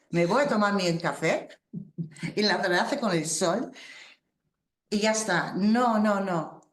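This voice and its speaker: A woman workshop teacher gives a spiritual workshop talk in Spanish, speaking slowly, haltingly, and reflectively with small laughs. Her voice is lowish, and the recording has a roomy echo.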